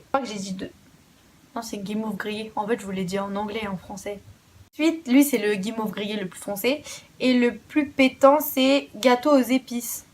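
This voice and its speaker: Chatty young French woman, slightly high voice. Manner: chatty, enthusiastic, swears casually and restarts words. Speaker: beauty vlogger. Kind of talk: casual makeup haul chat.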